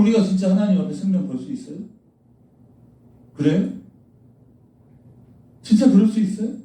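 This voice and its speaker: A man's voice: sits high, dark tone. A man preaching a sermon as pastor, blunt and scolding, firing rhetorical questions at the congregation. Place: church sanctuary. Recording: echoey church hall, mic at a distance.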